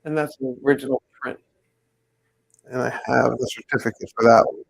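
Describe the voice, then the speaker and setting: A man with a gravelly, mid-pitched voice chats casually, rambling and thinking aloud as he works. The sound is dry and close, with no room echo. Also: steady tone, brisk. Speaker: pin collector host. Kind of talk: casual chat while hanging pins.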